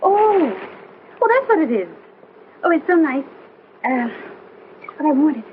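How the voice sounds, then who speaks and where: A kindly woman, played by a film actress, speaks in a high voice, hesitant and politely covering her letdown over a gift with feigned delight. It sounds like an old film soundtrack, narrow, muffled and noisy. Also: expressive, normal speed, close to an everyday voice. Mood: hesitant, politely pleased. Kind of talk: old film drama acting.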